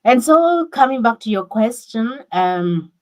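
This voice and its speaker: A woman from Kenya, talking as a guest in a casual conversation over a video call. She speaks haltingly and restarts her sentences often. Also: fairly high pitch, very animated, darkish tone, rough recording. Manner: halting, with many repeated restarts.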